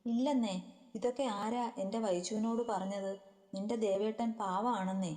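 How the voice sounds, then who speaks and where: A woman's voice: medium pitch, steady tone, normal speed, mellow, big-room sound, faint music behind, lightly acted. A woman voicing a caring but firm older sister-in-law who coaxes and scolds, read as a story. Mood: coaxing. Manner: coaxing yet scolding.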